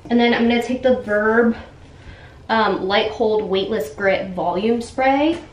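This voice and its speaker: Talking casually to the camera at home, this young woman does her hair in the bathroom and starts dinner in the kitchen, her chatty, relaxed speech packed with fillers. She sounds a little high and keeps a measured pace. The camera mic, held at arm's length or on a stand, catches room echo and faint background noise.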